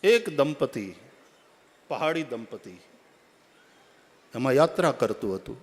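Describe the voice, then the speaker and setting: A man giving a devotional address at a religious gathering, telling a parable and rising to loud, emphatic appeals. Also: medium pitch, big pitch swings, slow. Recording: long hall reverb.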